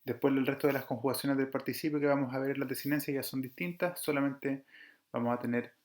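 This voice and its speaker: A man's voice: medium pitch, steady tone, quick pace. A man teaching an online Greek grammar lesson, explaining patiently step by step, correcting himself now and then and checking with his students. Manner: addresses students directly, asks rhetorical checks.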